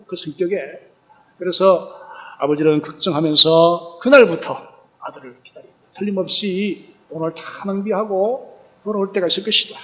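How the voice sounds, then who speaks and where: Man, pastor, sermon, storytelling, rhetorical questions, high-pitched. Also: fairly bright tone.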